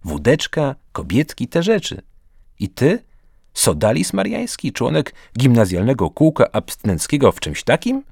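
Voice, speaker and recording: A man voicing a blunt, teasing teenage schoolboy who talks loudly and mockingly. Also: mid-range voice, huge pitch swings, moderate pace, creaky, breathy edge, dry recording, clean studio sound, pitched above the performer's own voice, exaggerated voice. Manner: loud, exclaiming, mocking.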